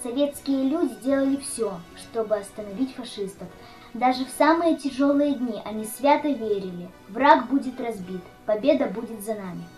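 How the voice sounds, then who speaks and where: Higher-pitched female school radio host over music. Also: moderate pace, darkish tone, low-quality recording. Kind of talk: scripted commemorative narration.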